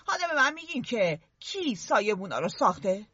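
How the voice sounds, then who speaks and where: A woman's voice: a little high, very animated, fairly bright tone, husky, dry recording, dull audio, full character voice. Ralph, an earnest boy chief voiced by a woman. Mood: lecturing. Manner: lecturing, scolding.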